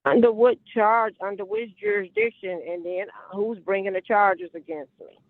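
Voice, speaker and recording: A woman with a slightly high, gravelly voice speaks at a normal speed, very animated, with no room sound. She is a defendant in court, insistently repeating her objections and questions in an argumentative exchange. The hearing was recorded over a phone-like line.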